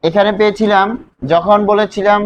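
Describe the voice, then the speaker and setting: A man's voice: sits high, flat delivery, moderate pace, a little hiss or hum. A man teaching a grammar lesson, explaining step by step and asking his students questions as he goes. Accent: Bangladeshi Bengali.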